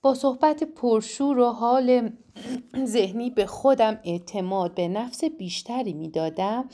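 A woman reading a first-person story aloud as an audiobook narrator, calm and measured. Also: on the high side.

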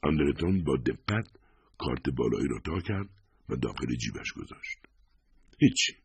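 A man narrating an audiobook in a steady, expressive storytelling manner. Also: rumbling low, a little hiss or hum.

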